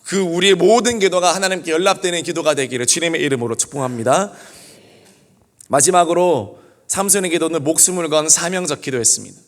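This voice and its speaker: A man's voice: on the high side, fairly quick. A man preaching an earnest early-morning sermon as pastor, with repeated pleading refrains. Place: church sanctuary. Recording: long hall reverb.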